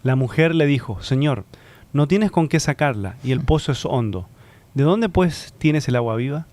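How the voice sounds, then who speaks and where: A man's voice: mid-range voice, lively intonation, moderate pace, darkish tone. Man reading scripture aloud.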